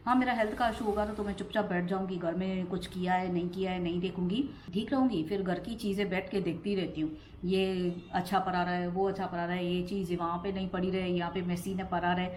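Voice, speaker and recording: A woman's voice: on the low side, a little mellow, reverberant, a little hiss or hum. A middle-aged woman from India chatting her way through a casual home vlog, rambling about her daily chores. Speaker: vlogger. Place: home interior.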